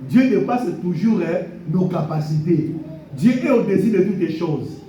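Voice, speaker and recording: Preaching in a church hall, a man speaks in a high-pitched, warm voice with lively intonation and a moderate pace. The pastor repeats key phrases and blessings in a call-and-response style that draws amens from the congregation. Heard from far off, the echoey recording carries slight background noise.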